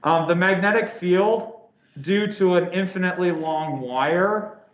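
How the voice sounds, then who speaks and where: A man's voice: sits high, measured pace. A man teaching a physics class with a sore throat and slightly slurred words, talking casually with lots of restarts and fillers. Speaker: physics lecturer. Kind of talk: classroom lecture. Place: lecture hall. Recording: echoey lecture hall, dull lo-fi sound.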